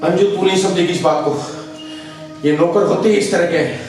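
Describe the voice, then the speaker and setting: Brief: a man as a hot-tempered household master, loud and accusing, recorded far off in an echoey room with music behind. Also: high voice, steady tone, fairly quick, lightly acted. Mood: suspicious. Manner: loud, accusing, then remorseful. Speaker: angry householder accusing his servant. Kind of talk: rural Hindi film acting.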